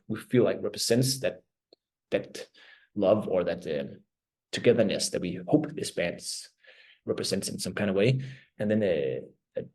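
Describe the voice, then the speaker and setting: A Danish man in his thirties, a band's vocalist and lyricist from Denmark, answers interview questions reflectively in his native-accented voice, often halting to search for words. His voice sits lowish and a little mellow, and the audio quality is poor.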